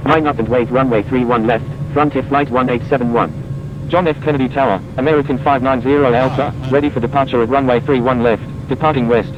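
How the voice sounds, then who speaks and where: A man's voice: steady tone, fast. Muffled male pilot on a noisy headset radio. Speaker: pilot reading back tower clearances. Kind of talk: aviation radio phraseology. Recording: muffled radio with loud engine rumble.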